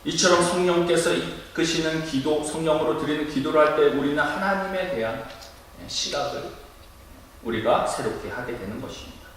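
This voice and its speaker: A male pastor preaching a sermon in a church, lively and demonstrative, acting out loud cries to make his point. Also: a little high, moderate pace, a little hiss or hum. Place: church sanctuary. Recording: echoey room, mic at a distance.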